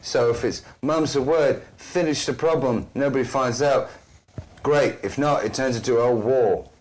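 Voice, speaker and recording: A man's voice: mid-range voice, moderate pace, darkish tone, lightly acted. A man playing a worldly street rogue in a tabletop game, talking casually with "mate" and "lad". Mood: earnest.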